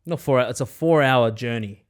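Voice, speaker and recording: A man's voice: medium pitch, a little fast. An Australian man chatting casually as a podcast co-host, with a laconic manner, short repeated phrases and easy swearing. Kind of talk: casual chat.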